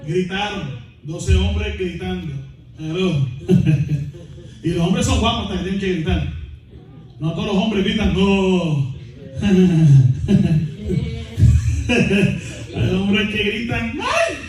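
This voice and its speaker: A man preaching in a lively, joking way, breaking into shouts and laughter, heard from a distance in a church. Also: sits high, extremely slow, long pauses, soft background music. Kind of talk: bilingual sermon. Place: church sanctuary. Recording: very echoey hall from a distance.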